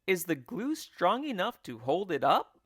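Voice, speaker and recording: A man voicing small, excitable monkeys and birds in a children's storybook, doubtful, cheeky and questioning. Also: high voice, measured pace, no room sound, clean studio sound, voice pushed up, heavily acted. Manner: questioning, exclamatory. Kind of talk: children's storybook character reading.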